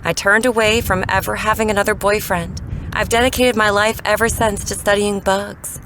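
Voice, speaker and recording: A woman's voice: mid-range voice, fairly even intonation, normal speed, noisy background, close to an everyday voice. An actress playing an earnest, lovelorn female scientist in a melodramatic 1950s sci-fi parody. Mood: heartbroken.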